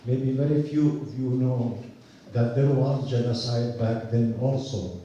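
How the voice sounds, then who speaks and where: An older man from Palestine, a university professor, giving an earnest, measured rally speech outdoors. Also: mid-range voice, steady tone, mellow, heavy reverb, recorded from a distance, lo-fi sound, a little hiss or hum. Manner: earnest, measured storytelling with restarts.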